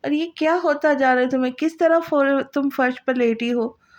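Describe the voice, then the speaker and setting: A woman's voice: sits high, muffled recording, close to an everyday voice. Woman voicing a desperate old mother. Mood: scolding. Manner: pleading, crying out. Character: grieving elderly mother, loving and desperate.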